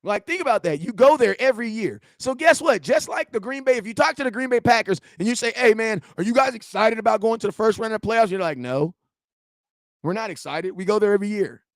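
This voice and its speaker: A man, reading and answering viewer chat in a slangy, animated sports rant. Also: high voice, quick pace, dry recording, clean studio sound. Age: 40s. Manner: animated, slangy trash talk, shouts at chat. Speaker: sports fan streamer.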